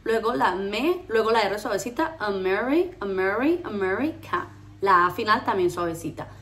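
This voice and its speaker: Lively woman teaching pronunciation. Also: mid-range voice, soft background music. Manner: lively, drills words slowly and repeats them. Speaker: English teacher. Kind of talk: pronunciation lesson.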